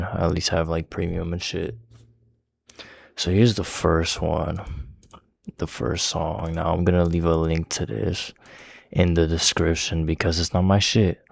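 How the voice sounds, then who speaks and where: A man's voice: deep voice, vocal fry, a little mellow, no room sound, clean studio sound. A young man rambling casually as a music reaction host, talking with a slight lisp from his retainers and swearing often.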